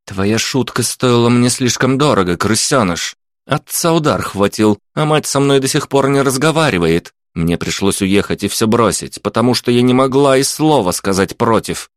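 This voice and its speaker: A man's voice: mid-range voice, lively intonation, normal speed, no echo, voice pushed up, natural voice. Man doing a vengeful young woman, red-haired, biting, contemptuous, raised voice, dry close sound. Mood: furious. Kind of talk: audiobook character voice.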